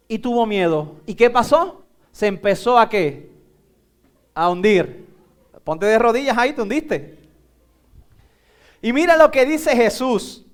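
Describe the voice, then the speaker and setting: A pastor with a Puerto Rican Spanish accent preaches a sermon in a very high, clear, resonant voice. He tells a Bible story with animated energy while directing volunteers who act the scene out.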